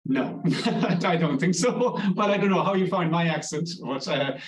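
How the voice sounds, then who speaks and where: A Cork-accented Irish man talks up his language school in a chatty, reassuring way, often restarting his sentences. His voice sits slightly high. He sounds set back from the mic in a roomy, echoing space. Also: normal speed, recorded from a distance. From Ireland, Cork. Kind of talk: promotional interview answers.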